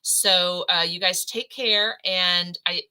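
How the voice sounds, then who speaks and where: Bright-voiced chatty woman hosting a craft stream. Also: on the low side, fairly even intonation, slow, clear, resonant tone, rough recording. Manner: chatty and effusive, greets viewers by name. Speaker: host of a live scrapbooking stream. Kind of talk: casual livestream craft demo.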